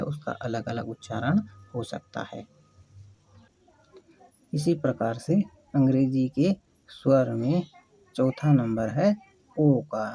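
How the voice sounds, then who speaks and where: A teacher giving a slow English lesson, spelling out words letter by letter and repeating questions to the class. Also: mid-range voice, dark tone, husky, low-quality recording. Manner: patient, repeats questions and answers.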